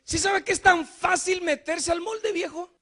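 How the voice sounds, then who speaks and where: Guy preaching, really high voice, goes soft then yells. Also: measured pace. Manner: swings from hushed asides to shouted declarations, mixing in English phrases. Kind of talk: sermon.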